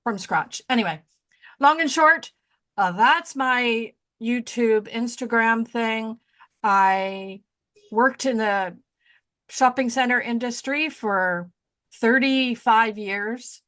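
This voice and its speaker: A woman in her sixties co-hosts a podcast, chatting casually and rambling, often losing her train of thought and poking fun at herself. Her voice is slightly high and fairly bright, and she takes her time.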